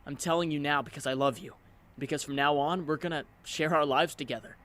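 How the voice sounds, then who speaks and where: A man's voice: a little high, steady tone, brisk, fairly bright tone, natural voice. A man voicing an earnest, lovestruck young superhero, torn about who he is, in a dramatic comic dub. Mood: earnest, tender. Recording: music behind the voice.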